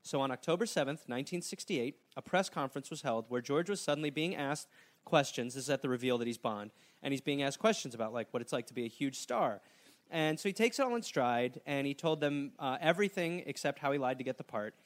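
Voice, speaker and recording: Telling a story for laughs, a man hosts a comedy podcast in a mid-range voice at a quick pace. His delivery is animated and jokey, and he keeps dropping into silly put-on voices.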